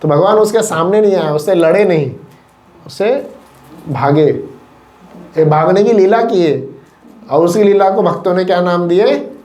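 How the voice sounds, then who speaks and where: High-voiced man telling a devotional story. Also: measured pace, long pauses. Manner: lively, animated storytelling with acted quotes and laughs. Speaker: kirtan storyteller.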